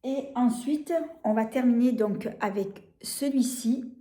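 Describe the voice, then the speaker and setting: A French woman showing makeup on camera, gushing about each product and filling pauses with hesitations and repeated words. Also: fairly high pitch, mellow. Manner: gushing, enthusiastic over products. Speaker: beauty vlogger. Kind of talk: casual product demo. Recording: echoey room.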